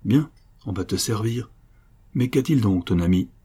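A man voicing a gruff, nosy innkeeper who talks in a mocking, rough manner. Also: fairly low pitch, expressive, moderate pace, warm tone.

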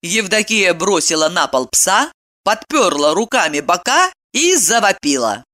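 A woman narrating an audiobook in an animated, theatrical way. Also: on the low side, unhurried.

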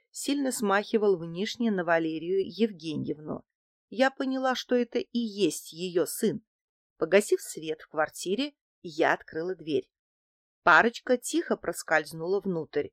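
Low-voiced woman reading an audiobook. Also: expressive, a little slow, dry recording, clean studio sound. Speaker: audiobook narrator. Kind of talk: first-person audiobook narration.

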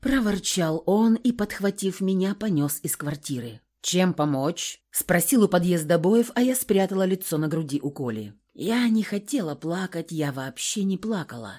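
A woman reading a dramatic first-person story aloud, intense and expressive. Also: on the low side, moderate pace, few pauses. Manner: intense, expressive, rising to shouts in dialogue. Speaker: audiobook narrator.

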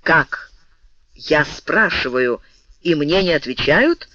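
A man voicing a stern calm general. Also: on the high side, dry recording. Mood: commanding. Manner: measured, commanding, resonant. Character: commanding calm male general, stern and ironic. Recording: dull lo-fi dry audio.

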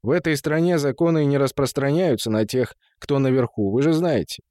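A man's voice: mid-range voice, a little fast, a little mellow, no echo, studio quality, close to an everyday voice. A man voicing a stern, commanding man who runs a brothel and speaks with firm patience. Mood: patient. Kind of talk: audiobook character voice.

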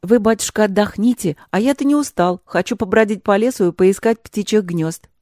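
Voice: medium pitch, a little fast, no echo, studio quality, close to an everyday voice. A reader voicing a fearless, cheerful young man, a woodcutter's son, in an audiobook fairy tale. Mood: cheeky bold. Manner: lively, cheeky and fearless.

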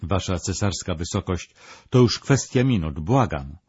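A man's voice: deep voice, normal speed, a little mellow, breathy edge, no room sound, highs cut off. A man voicing a desperate male chancellor who speaks urgently and imploringly, read within a documentary.

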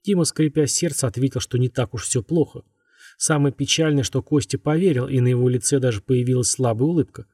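A man narrating a scripted horror audiobook in a measured, even way. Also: mid-range voice, slightly rough, no echo, clean studio sound.

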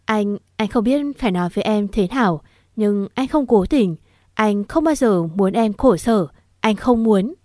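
An apologetic husband, voiced by a female narrator stumbles over his words. The sound is mellow and dry. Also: mid-range voice, expressive, measured pace, no room sound, close to an everyday voice. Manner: hesitant, apologetic. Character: guilty husband, soft and apologetic.

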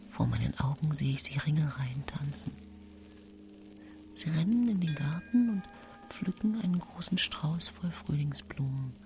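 In this first-person radio drama, a low-voiced actress narrates as a nineteenth-century murderess, scheming and full of self-pity, laying out her own case. She speaks in a hushed, brooding tone, frequently whispering, with music underneath.

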